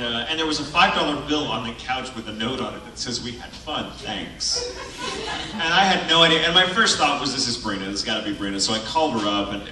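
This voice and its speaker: A man's voice: fairly low pitch, noisy background. A male voice actor telling a comic anecdote at a convention panel, acting out the quotes, recorded from far off in the audience. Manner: animated storyteller, acting out quotes loudly. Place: large convention panel room. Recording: echoey hall, taped from far off in the audience. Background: audience murmur and laughter.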